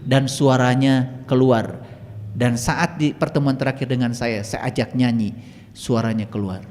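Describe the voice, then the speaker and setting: A man's voice: steady tone, a little slow, a little hiss or hum. Dramatic male spiritual teacher in a hall. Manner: dramatic storyteller, swinging between loud high bursts and quiet low asides. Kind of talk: teaching talk told through stories. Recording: long hall reverb.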